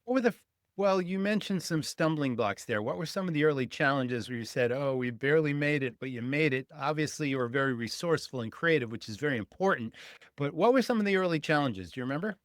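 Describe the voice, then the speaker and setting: A man's voice: fairly high pitch, expressive, fast, no echo, studio quality. A man hosting a casual podcast interview, encouraging his guest and asking follow-up questions. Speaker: podcast host.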